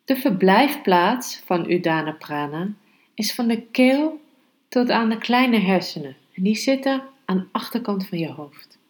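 A woman hosting a yoga podcast, teaching calmly and guiding meditation in a measured, unhurried way. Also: mid-range voice. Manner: slow, measured, unhurried delivery with pauses. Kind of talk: calm instructional podcast and guided meditation.

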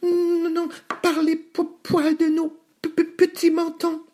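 Frightened little pigs. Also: male voice, completely flat delivery, slow pace, mellow. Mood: panicked. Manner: stammering, very high squeal.

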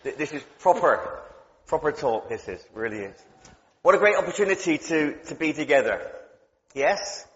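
A man's voice: on the high side, expressive, moderate pace, a bit bright. A middle-aged man with a West Country accent preaching a chatty, humorous sermon as a guest speaker, often restarting his words. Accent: West Country English. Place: church. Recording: dull sound with long hall reverb.

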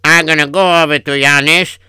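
A man's voice: a little high, steady tone, a little fast, bright, forceful tone, clear, resonant tone, no echo, studio quality. A man playing a fretful Yiddish-accented husband. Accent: Yiddish-inflected English. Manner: kvetching, sighing oy vey. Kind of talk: improvised comic radio story.

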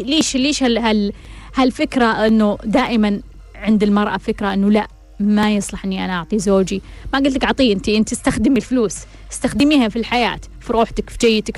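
A woman's voice: medium pitch, a little mellow, no room sound. A woman hosting an advice show, talking frankly to listeners and firing off rhetorical questions. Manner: blunt, full of rhetorical questions. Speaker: advice host answering listeners.

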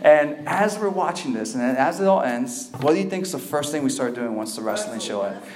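A man in his thirties from a Cuban family, telling a funny story to a live crowd at a youth event, animated and breaking into loud acted quotes. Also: medium pitch, moderate pace, echoey room. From Cuban family, raised in the US.

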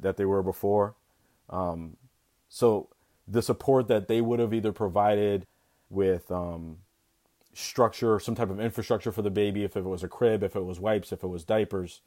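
Low, mellow-voiced man talking haltingly. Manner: reflective, halting with frequent restarts. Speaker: interview guest, expectant father. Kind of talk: candid personal conversation.

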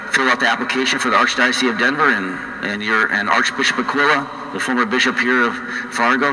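Male priest, middle-aged, North Dakota accent, conversational homily with pauses, bright forceful tone, long church reverb. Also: medium pitch. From North Dakota, United States. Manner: conversational, halting, with frequent pauses. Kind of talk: homily to a congregation. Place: large church indoors.

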